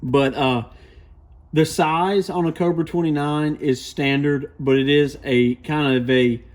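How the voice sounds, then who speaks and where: A radio shop product reviewer gives a casual demonstration with advice for beginners, explaining things in a plainspoken, informal way. His voice sits fairly high with fairly even intonation, a measured pace, and a darkish tone.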